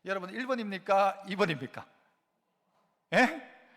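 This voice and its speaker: A man's voice: high-pitched, fairly quick. A man, a pastor preaching a Sunday sermon and quizzing his congregation with rhetorical questions. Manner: animated, asks the congregation frequent rhetorical questions. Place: church sanctuary. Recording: long church hall reverb.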